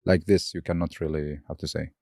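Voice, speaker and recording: A man's voice: extremely low pitch, flat delivery, a little fast, gravelly, dark tone, dry recording, clean studio sound. A man hosting a podcast interview, searching for words as he talks and laughing often. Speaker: podcast host. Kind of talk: casual interview chat.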